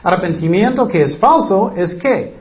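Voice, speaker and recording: A man's voice: high voice, expressive, unhurried, dull audio. A man preaching a sermon earnestly, now and then acting out whiny excuses in quoted voices.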